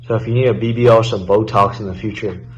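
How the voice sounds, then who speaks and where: A nineteen-year-old man introduces himself with jokes and easy slang. His voice sits a little low, and the recording sounds dull and lo-fi. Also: steady tone, quick pace. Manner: joking, slangy. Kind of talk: casual self-introduction.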